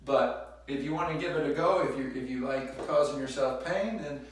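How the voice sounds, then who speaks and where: A man vlogging casually to camera in a halting, explanatory way, recorded on a phone set up in a small room. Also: medium pitch, slight background noise. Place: small indoor bathroom, sitting in a tub. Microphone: phone set up away from him. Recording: very echoey room, distant phone mic.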